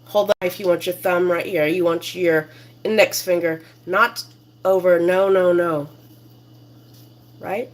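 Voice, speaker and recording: A woman's voice: fairly low pitch, fairly even intonation, a little slow, long pauses, slight background noise. A woman hosting a casual cooking demonstration in her home kitchen, chatty and rambling with many fillers. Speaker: cooking show host.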